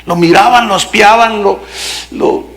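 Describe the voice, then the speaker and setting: A man's voice: sits high, unhurried, fairly bright tone. A man preaching a sermon, telling stories dramatically and acting out the characters. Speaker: pastor. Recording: long hall reverb.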